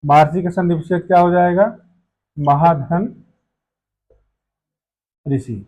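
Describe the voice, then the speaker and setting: Man, high voice, grammar teacher, step-by-step explaining, asks then answers himself. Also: fairly even intonation, slow pace, a little mellow, rough recording. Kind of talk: online grammar lesson.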